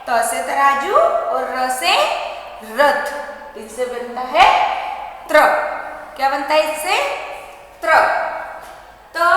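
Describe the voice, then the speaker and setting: A woman teaching young children an online alphabet lesson, speaking slowly, repeating words and checking in with the class. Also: very high voice, bright, forceful tone. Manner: slow and repetitive, asking questions and checking with the children. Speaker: nursery teacher. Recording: echoey, reverberant room.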